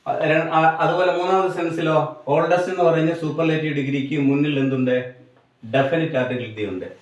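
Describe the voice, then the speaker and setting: A man with a Malayali accent teaching an English grammar lesson for exam students, going step by step, asking and answering his own questions and slowing down to spell out English examples. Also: a little high, steady tone, roomy sound, far from the mic, low-quality recording.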